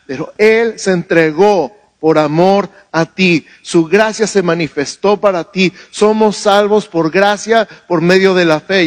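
A man's voice: sits high, dry recording. A man preaching a sermon in a conversational way, asking the congregation questions and having them repeat after him. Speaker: pastor.

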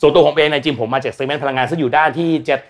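A man with a slightly high voice talks rapid-fire as a guest expert on energy and climate. His casual explanatory talk is blunt and slangy, and he acts out quoted voices.

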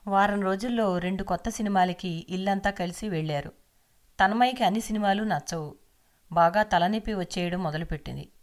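A woman's voice: on the low side, a little mellow. Woman narrating a serial novel. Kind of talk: scripted storytelling narration.

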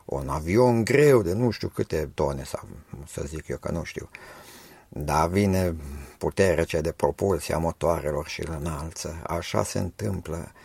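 A man's voice: a bass voice, creaky, a little mellow, breathy edge, no echo. A man preaching an earnest, exhortative sermon.

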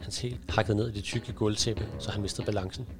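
A man presenting a book and reading a horror excerpt aloud in a steady storytelling way, over background music. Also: on the low side. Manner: steady storytelling narration, speeding up in action.

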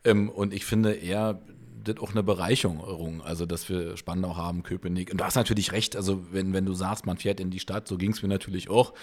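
A man hosts a relaxed interview in a fairly low voice. He keeps stopping on filler sounds and rephrases as he thinks aloud. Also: brisk, hardly any pauses. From Berlin. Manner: hesitant, many filler sounds. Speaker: podcast host. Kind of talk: casual interview chat.

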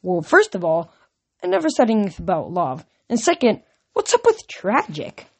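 A woman's voice: medium pitch, wildly swooping pitch, normal speed, slightly rough, heavily acted. A woman voicing Percy, a flustered, earnest teenage boy who protests and pleads. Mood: protesting.

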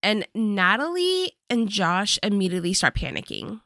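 A woman's voice: medium pitch, very animated, moderate pace, creaky, bright, forceful tone, no echo, studio quality. A woman casually recapping a movie plot with a friend, throwing in wry jokes.

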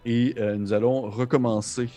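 A man's voice: medium pitch, fairly even intonation, normal speed, warm tone, faint music behind. A man, narrating a tabletop game as game master in a descriptive way, with frequent hesitations. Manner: descriptive, hesitant with many fillers.

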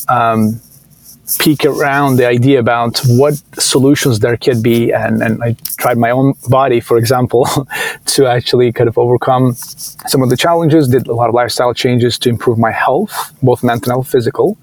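A man's voice: medium pitch, darkish tone, rough recording. A man from Turkey with a Turkish accent, a founder being interviewed, talking casually with frequent fillers and restarts. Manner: hesitant, many fillers and restarts. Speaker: startup founder, guest.

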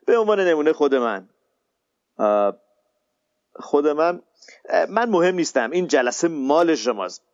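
A man playing an impatient, sarcastic group counselor in a radio sitcom, speaking brusquely with drawn-out hesitations. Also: fairly high pitch, big pitch swings, no room sound. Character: bossy impatient male counselor, middle-aged. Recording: slightly muffled, dry recording.

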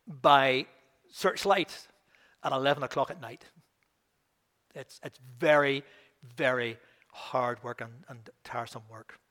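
A Belfast minister, an older man with a Northern Irish accent, preaches in a sharp, mid-range voice. He reads scripture with building emphasis and chuckles through asides while telling stories.

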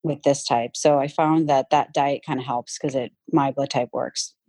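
A middle-aged woman with a Boston accent, chatting casually as a guest, full of fillers and lively retelling. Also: extremely low pitch, moderate pace, no echo. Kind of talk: casual chat.

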